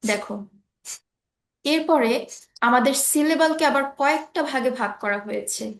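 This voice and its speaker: A woman teacher with a high voice walks through an online lesson patiently. She stops often to check that her student is following. The sound has a roomy echo. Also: unhurried. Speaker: English teacher. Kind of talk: online class explaining English grammar.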